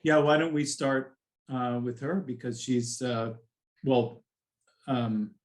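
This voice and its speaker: A man's voice: mid-range voice, slow. A man hosting a podcast, talking in a loose, rambling way with many asides during a casual conversation. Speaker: podcast host.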